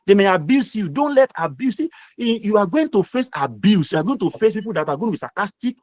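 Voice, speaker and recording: A middle-aged man with a Nigerian accent delivers a motivational mentoring talk, hammering his points with repetition like a preacher. His voice sits fairly high for a man. The sound is dry, with no room echo. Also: very animated, fast talker, darkish tone. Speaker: guest mentor speaker.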